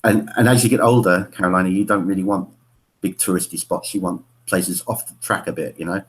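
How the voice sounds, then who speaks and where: Middle-aged male stand-in host, very low voice, chatty and rambling, video call. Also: steady tone, fairly quick. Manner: rambling, peppered with "you know". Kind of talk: casual video-call chat.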